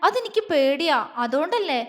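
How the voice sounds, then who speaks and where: A woman's voice: extremely high pitch, big pitch swings, moderate pace, a bit bright, exaggerated voice. A woman voicing a playful young wife who teases and pleads in a sing-song, childlike way. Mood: coaxing. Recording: long reverb.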